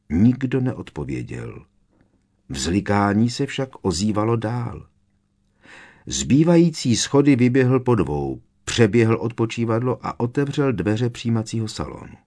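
A man reading a fantasy novel aloud as an audiobook narrator, in measured, dramatic storytelling. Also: medium pitch, a little mellow. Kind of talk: scripted narration.

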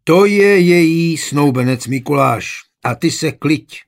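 A man voicing a gruff, irritable, dried-up old father in a storybook reading. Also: mid-range voice, very animated, no room sound, clean studio sound.

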